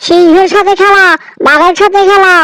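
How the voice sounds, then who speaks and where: A woman's voice: extremely high pitch, fairly even intonation, normal speed, creaky, a bit bright, no room sound, full character voice, rough recording. A woman voicing a naive, timid, gullible goat in a cartoon; trusting and easily frightened. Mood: wondering.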